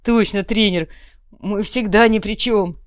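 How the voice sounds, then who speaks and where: A woman plays a crude, whiny male redcap thug from a fantasy audiobook, rambling and pleading as he repeats himself. The voice sits in a middling pitch. It is recorded close and dry, with no room sound. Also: steady tone, unhurried, no echo, lightly acted. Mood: grumbling. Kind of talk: audiobook character voice.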